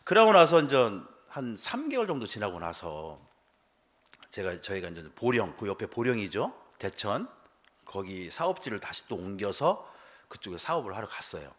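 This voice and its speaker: A man's voice: fairly low pitch, huge pitch swings, moderate pace, fairly bright tone. A middle-aged male pastor telling a personal testimony in a church sermon, acting out the dialogue and laughing as he goes.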